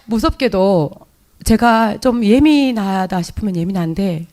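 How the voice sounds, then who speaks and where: In church, a woman with a Jeolla Korean accent gives an emotional, confessional personal testimony, often hesitating and starting over. Her voice is medium-pitched and dark-toned, and she speaks at a measured pace.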